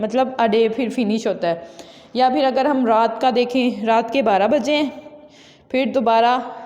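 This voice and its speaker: A woman's voice: on the high side, a little mellow, dull audio. A woman with a Pakistani accent teaching a classroom lesson. She explains step by step, mixes in English school words, and keeps checking with her students. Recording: echoey classroom with long reverb.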